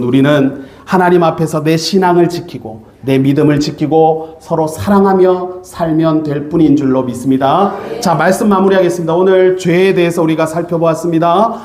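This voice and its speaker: A man's voice: fairly high pitch, darkish tone. A middle-aged male pastor preaching a sermon, earnest and repeatedly calling out to his congregation. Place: church sanctuary. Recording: echoey church sanctuary.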